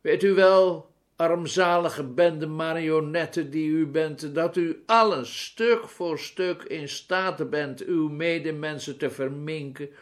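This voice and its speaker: A man voicing a grim male demagogue who preaches doom to a crowd. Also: a little high. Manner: loud, declaiming, fire-and-brimstone.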